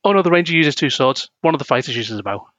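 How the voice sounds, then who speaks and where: Young man, casual podcast chat, ranting, bright voice. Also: mid-range voice, animated, fast, no echo, lo-fi sound. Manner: ranting, self-deprecating, laughs often. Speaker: podcast co-host.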